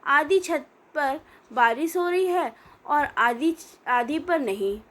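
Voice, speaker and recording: Lady doing a silly innocent village kid, dead serious answers, high voice, slow. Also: lively intonation, fairly bright tone, a little hiss or hum, exaggerated voice. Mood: earnest. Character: cheeky naive village boy, innocently literal.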